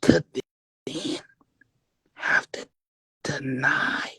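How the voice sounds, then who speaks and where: Husky raspy guy rambling and preaching, slips into whispers, dry sound. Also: mid-range voice, level tone, drawn-out words, sharp tone, no echo. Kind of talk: casual monologue.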